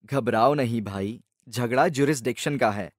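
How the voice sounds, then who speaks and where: A man voicing a calm, smiling long-faced village man in a storybook tale, explaining things patiently. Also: mid-range voice, normal speed, no echo, studio quality, close to an everyday voice. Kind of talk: storybook voice acting.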